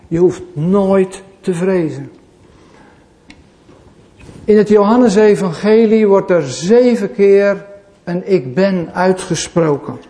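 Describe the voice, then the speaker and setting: A male pastor whose voice sits high preaches a sermon, his delivery rising to loud declarations and dropping to quiet asides. Again and again, he returns to the same rhetorical question.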